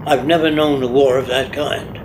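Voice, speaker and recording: A man's voice: mid-range voice, steady tone, normal speed, background noise. A man being interviewed, speaking in emphatic declarations and long spoken lists. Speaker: interviewee, project director. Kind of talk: unscripted interview monologue.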